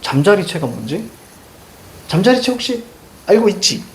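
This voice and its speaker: Animated male teacher lecturing a class. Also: high voice, moderate pace, a little hiss or hum. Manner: animated storytelling, jokey asides.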